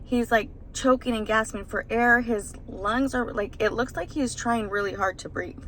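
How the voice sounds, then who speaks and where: A woman's voice: on the high side, moderate pace, fairly bright tone, a little hiss or hum, low-quality recording. A young woman, a new mother, casually telling a vlog story in a rambling, emotional way, still stressed and shaken. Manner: rambling, emotional retelling with many fillers.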